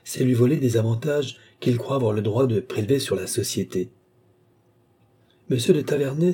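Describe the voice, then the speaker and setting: A man reading a classic novel aloud with measured, expressive narration. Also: on the low side, breathy edge. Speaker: audiobook reader.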